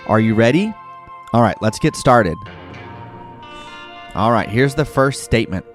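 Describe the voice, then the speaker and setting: With background music playing, a man hosts a children's educational podcast, his medium-pitched voice animated but measured in pace. He narrates from a script and hosts games, speaking straight to young listeners and cheering them on.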